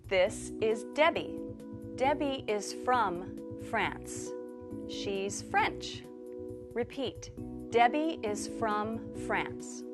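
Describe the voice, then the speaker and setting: A woman teaching a beginner English lesson, with slow, clear, drilled delivery. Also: on the high side, lively intonation, over music.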